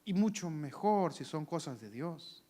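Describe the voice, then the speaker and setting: Animated man preaching a sermon. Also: fairly high pitch, a little slow. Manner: animated preaching that swings from loud to hushed; acts out voices of people in the story. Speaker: pastor.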